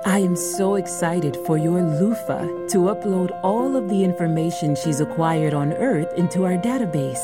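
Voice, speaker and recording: A woman voicing the disembodied voice of a wise planet queen who speaks from all around, calm and gracious. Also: fairly low pitch, normal speed, hardly any pauses, loud music behind the voice, close to an everyday voice. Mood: welcoming.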